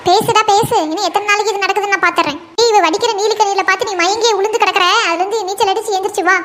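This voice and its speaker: A woman voicing a bossy, sharp-tongued older mother-in-law in a comic cartoon, scolding and taunting her family. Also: very high voice, fairly even intonation, rapid-fire, slight background noise.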